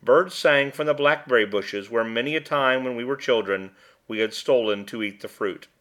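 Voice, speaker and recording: A man reads a story aloud in a measured, even way, his voice in the middle range. He narrates like a volunteer audiobook reader. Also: medium pitch. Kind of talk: scripted narration.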